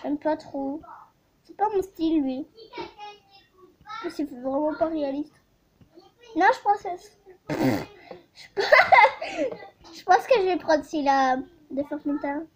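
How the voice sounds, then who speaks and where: A woman's voice: high voice, sing-song, takes it slowly, long pauses. Young girl with a fading voice. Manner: chatty and giggly, trails off mid-sentence. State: losing her voice. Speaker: gaming vlogger. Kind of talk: casual gameplay commentary.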